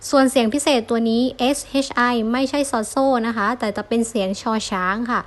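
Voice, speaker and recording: Young female teacher, slightly high voice, calm and patient, slow drill-style repetition. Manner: patient, repeats syllables slowly for learners. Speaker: Japanese language teacher. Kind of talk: friendly online lesson, spelling out sounds.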